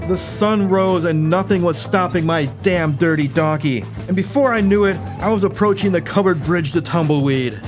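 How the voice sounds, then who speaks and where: Wry, higher-pitched male gaming narrator. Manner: wry, self-deprecating storytelling. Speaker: gaming YouTuber. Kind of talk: scripted gameplay narration.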